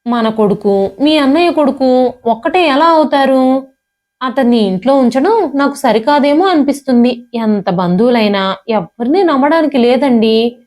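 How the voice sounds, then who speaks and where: Brief: woman reader playing a haughty young wife, sharp and contemptuous, pitched up from her narration. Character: scornful proud young wife, cold to in-laws.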